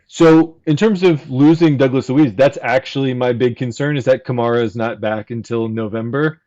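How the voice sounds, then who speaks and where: A man chatting as a fan guest on a casual podcast, explaining his points at length in a measured, analytical way. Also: medium pitch, a little mellow, lo-fi sound.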